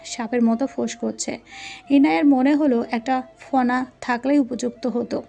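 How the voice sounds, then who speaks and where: A woman narrating a romantic story in a steady, dramatic reading. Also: high-pitched, moderate pace, creaky, faint music behind.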